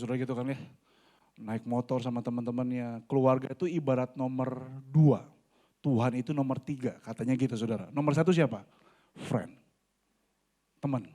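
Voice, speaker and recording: In a church hall, a pastor in his forties with a warm, mid-range voice preaches a sermon. He speaks animatedly and often addresses the congregation directly.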